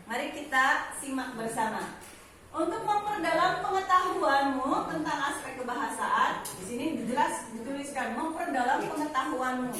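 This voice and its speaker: A woman teacher giving an online language lesson to pupils, animated, slowing down to stress key words. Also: high voice, noisy background. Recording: very echoey room, voice from far off.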